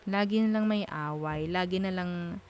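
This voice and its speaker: A woman's voice: on the low side, moderate pace, darkish tone, a little hiss or hum. A woman doing a casual tarot reading, frank and musing as she thinks aloud between the cards. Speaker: tarot reader.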